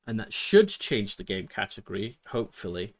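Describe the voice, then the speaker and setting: A man's voice: fairly low pitch, big pitch swings, normal speed, soft background music. Chatty, giggly male streamer. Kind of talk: casual live-stream chat.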